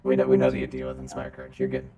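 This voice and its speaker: Male game master speaking through a robot voice filter; extremely low and droning, easygoing, teases players. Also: rapid-fire, dull audio. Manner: relaxed, teasing rules explanations. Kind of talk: running a tabletop game over voice chat.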